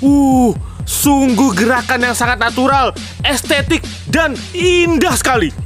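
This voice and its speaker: A performer voicing an earnest, theatrical village man of some authority in an animated parody. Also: high-pitched, measured pace, music in the background. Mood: awed. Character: Pak Yadi, earnest village official seeking a champion, cartoon man.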